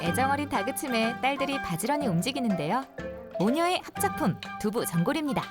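A woman reading scripted television documentary narration as a voice-over. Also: high-pitched. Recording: studio voice-over under loud music.

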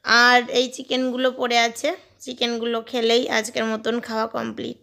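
A woman's voice: fairly high pitch, flat delivery, normal speed, creaky, pushed and bright. A woman food vlogger chatting casually to her viewers while chewing a mouthful. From Bengal. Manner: chatty, addresses viewers directly.

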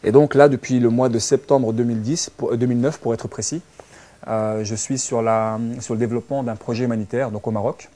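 In a small, furnished indoor lounge, a dance teacher and social worker from Belgium, a man in his early thirties, is interviewed about his own story. His French carries a Belgian accent, and his medium-pitched, dark-toned voice moves fairly quickly with fairly even intonation, often restarting with filler words.

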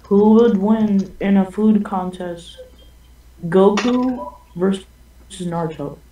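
Slow goofy woman meowing on voice chat. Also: medium pitch, warm tone. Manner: goofy, keeps meowing and making puns. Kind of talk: casual group chat. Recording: distant, echoey voice-chat audio with faint ambience.

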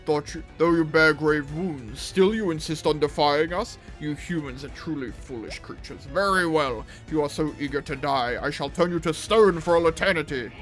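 A gamer voicing a pompous, menacing demonic video game villain who declaims grandly and deliberately at mortals. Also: medium pitch, faint music behind, close to an everyday voice. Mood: scornful, threatening. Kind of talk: reading game villain dialogue aloud.

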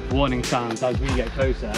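A man's voice: mid-range voice, little pitch movement, brisk, over loud music. A young man in his twenties, talking in a laid-back, hesitant way full of fillers while outdoors on a trail. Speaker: travel companion. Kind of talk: casual chat.

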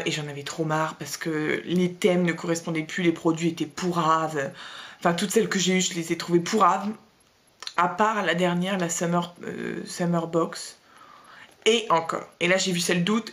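A woman's voice: lowish voice, normal speed, fairly bright tone. A young woman vlogging a casual beauty box review, chatty and blunt, with slangy asides and lots of fillers.

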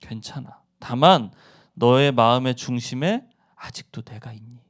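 A male preacher voicing Jesus gently and softly reassuring a disciple who failed him. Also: mid-range voice, measured pace, voice pushed down, close to an everyday voice. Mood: tender. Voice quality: soft, hushed and tender.

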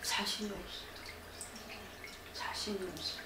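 A woman's voice: mid-range voice, steady tone, measured pace. A woman client at a shaman's consultation, speaking hesitantly and deferentially. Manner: hesitant, soft-spoken, deferential. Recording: distant, echoey, noisy room.

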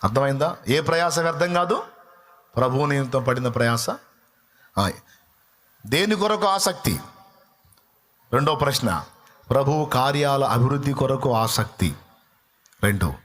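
A man preaches to his congregation, firing repeated rhetorical questions at his listeners. His voice sits at a middle pitch, and he slows down deliberately whenever he reads scripture aloud. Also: expressive, fairly bright tone. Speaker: pastor. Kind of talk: sermon.

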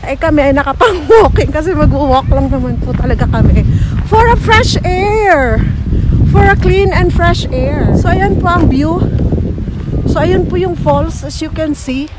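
A woman's voice: high voice, animated, moderate pace, heavy background noise. A Filipino-accented woman vlogging on a snowy winter trail, chatting politely as she switches between English and Tagalog. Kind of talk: casual travel vlog.

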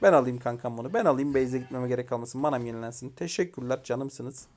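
A young man commentating his own mobile game match, excitedly shouting commands at teammates and venting frustration. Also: mid-range voice, quick pace, a little hiss or hum. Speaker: gaming YouTuber. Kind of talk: live gameplay commentary.

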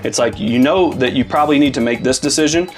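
Earnest pastor talking things through. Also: male voice, mid-range voice, fast, soft background music. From Arizona. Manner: reflective, earnest, speaks in long loose sentences with fillers. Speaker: lead pastor. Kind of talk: casual interview chat.

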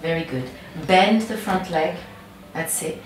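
A woman instructing a prenatal yoga class with calm, encouraging cues. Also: fairly low pitch, unhurried. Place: yoga studio. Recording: echoey room from far off, music behind.

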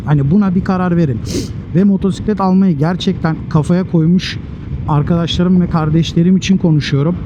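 Man, muffled inside-helmet sound, loud vehicle noise, slightly high voice, conversational motovlog advice, emphatic. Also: steady tone, brisk. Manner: conversational, emphatic, addresses viewers as friends. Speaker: motorcycle vlogger. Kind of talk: casual advice monologue to viewers.

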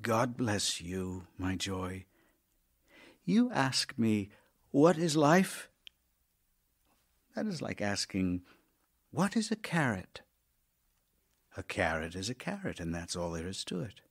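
In an audio drama, an actor plays an ailing, tender, wry writer reading his love letters aloud, theatrical and intimate, shifting from emphatic to hushed. His fairly low, exaggerated voice swings widely in pitch, moves slowly, and pauses often, carrying a wry, resigned, affectionate mood.

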